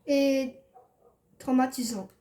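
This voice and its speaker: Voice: high-pitched, steady tone, slow, dark tone. A young co-player, making joking side comments while gaming with a friend. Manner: teasing, jokey side comments. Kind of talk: casual let's-play banter.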